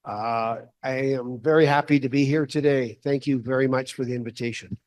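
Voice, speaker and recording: A man with a North American English accent that carries into his imperfect Spanish, a native English speaker giving a halting conference talk as guest lecturer. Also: mid-range voice, fairly even intonation, a little mellow, no echo. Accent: North American English accent, also when speaking Spanish. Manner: halting, with short phrases.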